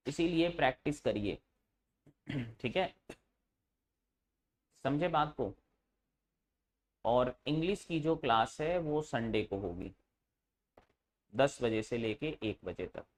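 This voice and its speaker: A male teacher with a fairly high voice lectures his class slowly with long pauses, asking students questions and answering them himself. Now and then he teases them.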